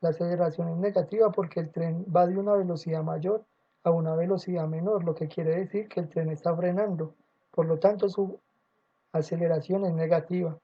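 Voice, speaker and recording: A man's voice: fairly high pitch, fairly even intonation, a little fast, dull audio. A man teaching a physics lesson, working through equations step by step and speaking directly to his students in a patient, methodical way.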